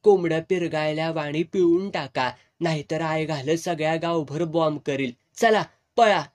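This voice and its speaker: A brutal, bullying village landlord, as a male narrator plays him, snarling crude threats and barking orders in a storybook. The voice is loud, rough-edged and somewhat high. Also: fairly even intonation, normal speed, close to an everyday voice.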